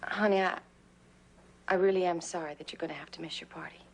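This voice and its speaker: A woman's voice: lowish voice, steady tone, fast talker, vocal fry, a little hiss or hum. An actress playing a middle-aged mother who stays firm with her teenage son yet sounds apologetic, in a 1980s TV drama. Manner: firm, apologetic, then tearful.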